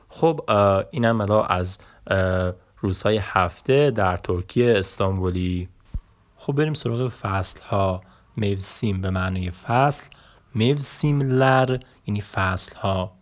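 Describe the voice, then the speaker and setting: Low-voiced man teaching vocabulary slowly. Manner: slow, repeating each word for learners. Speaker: language teacher. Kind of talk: Turkish vocabulary lesson.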